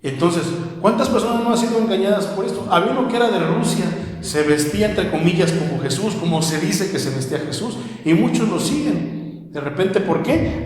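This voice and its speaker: A man with a Mexican accent, preaching a sermon as a pastor in a small house of prayer, asking the congregation many rhetorical questions. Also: sits high. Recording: echoey hall with long reverb.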